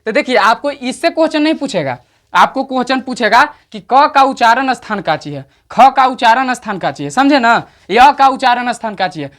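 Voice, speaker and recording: A man with a Bihari accent teaching an exam-prep lesson, often checking "understood?" and slowing down to dictate definitions. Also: extremely high pitch, a bit bright. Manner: repeats "samjhe na?" checks, slows to dictate definitions.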